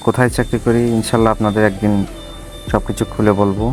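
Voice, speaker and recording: A motovlogger with a Bangladeshi accent talks casually and reflectively to viewers from inside his motorbike helmet as he rides. His voice is lowish and a little mellow, with little pitch movement and a quick pace.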